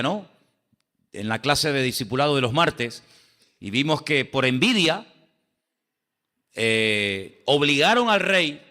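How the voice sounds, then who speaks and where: Bright-voiced preaching man, animated. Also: medium pitch. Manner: animated storytelling, acting out the king and Daniel. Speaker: pastor. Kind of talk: sermon. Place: church.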